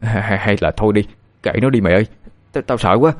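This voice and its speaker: A man's voice: on the low side, fairly quick, natural voice. A man voicing a plump, frightened teenage schoolboy who stammers in panic. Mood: terrified.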